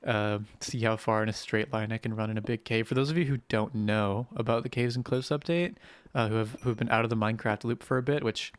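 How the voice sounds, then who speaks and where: A young adult game streamer talks in a rough, hoarse voice held soft and careful. The chat rambles, swears often and keeps turning to greet viewers mid-play. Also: medium pitch, steady tone, fairly quick. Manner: speaks gently to spare the voice. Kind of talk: casual live-stream gameplay commentary.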